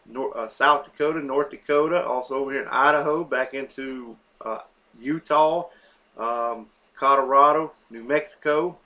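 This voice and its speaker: A man's voice: medium pitch, bright, forceful tone. A man hosting a weather forecast, talking through maps off the cuff with many fillers and self-corrections as he runs down a list of places. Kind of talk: unscripted weather map walkthrough.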